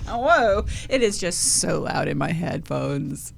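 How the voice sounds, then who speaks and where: A woman's voice: on the low side, big pitch swings, takes it slowly, vocal fry. A woman hosting a radio talk show in a studio, chatting casually and rambling with light jokes. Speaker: show host. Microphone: studio mic with headphones.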